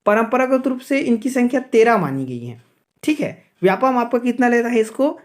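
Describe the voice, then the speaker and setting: A man teaching an exam-prep grammar lesson. He keeps asking and answering his own questions, checks in often with "okay", and slows down to spell out sounds one by one. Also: very high-pitched, big pitch swings. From Chhattisgarh, India.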